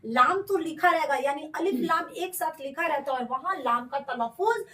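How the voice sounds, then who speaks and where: Female tutor, high register, patient and repetitive explainer; recorded off-mic in an echoey room. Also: normal speed, a bit bright, far from the mic. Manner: explains patiently, repeats terms, asks and answers her own questions. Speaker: Urdu grammar teacher. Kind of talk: classroom-style grammar lesson.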